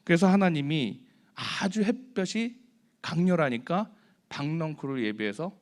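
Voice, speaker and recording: A man's voice: a little high, lively intonation, moderate pace. A man giving a conversational Bible sermon, asking his listeners questions and acting out quoted prayers. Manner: asks the listeners rhetorical questions; acts out quoted prayers and complaints. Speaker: preacher.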